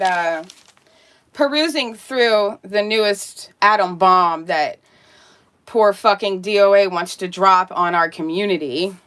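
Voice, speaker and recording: A woman's voice: mid-range voice, a bit bright, clean tone. A woman streamer talking casually, ranting in a heated, sarcastic and profane way.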